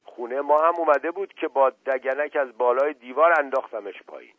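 A gruff village man speaks in short, terse bursts, as a man voices him. The sound is tinny and dry, like a phone line. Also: medium pitch, no echo, pitched above the performer's own voice, close to an everyday voice.

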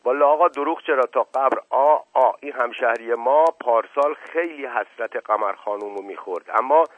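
A man voicing a chatty rustic old servant who rambles in a folksy, quick way, on a tinny radio recording. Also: medium pitch, dry recording, close to an everyday voice. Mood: earnest.

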